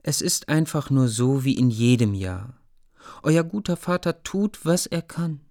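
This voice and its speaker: A man's voice: medium pitch, expressive, a little slow, dark tone, pitched above the performer's own voice. A man voicing a fearful, grieving peasant mother in a storybook reading, pleading in a small voice. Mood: resigned.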